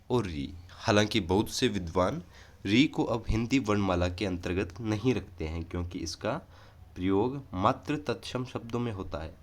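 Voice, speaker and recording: A man giving a casual online grammar lesson, explaining patiently and pausing on filler sounds, recorded indoors near a railway line. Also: low-pitched. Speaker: Hindi grammar teacher.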